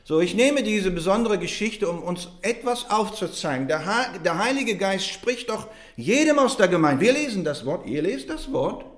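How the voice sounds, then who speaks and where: An animated male preacher delivering a sermon, his fairly high voice rising and falling widely as he speaks straight to the congregation. The church room around him is noticeably echoey. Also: normal speed, hardly any pauses. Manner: animated storytelling, addresses the congregation as "ihr Lieben".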